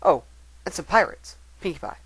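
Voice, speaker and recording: Hammy, bubbly pony character performed by a man, high voice, big stagey dramatic reading. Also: expressive, normal speed, vocal fry, a bit bright, slightly rough, dry recording, exaggerated voice. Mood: excited, gleeful. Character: excitable, hammy pink pony placing an absurd party order.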